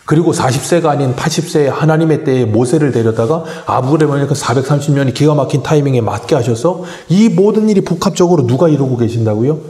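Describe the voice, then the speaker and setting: Man, pastor, sermon, asks and answers his own questions, mellow voice, echoey church. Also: mid-range voice. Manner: asks the congregation questions and answers them himself. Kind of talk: early-morning sermon. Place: church sanctuary.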